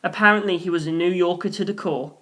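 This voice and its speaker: An audiobook narrator reads a scripted story dramatically, acting out each character's dialogue in a different voice. The voice is medium-pitched, fast, and pushed and bright.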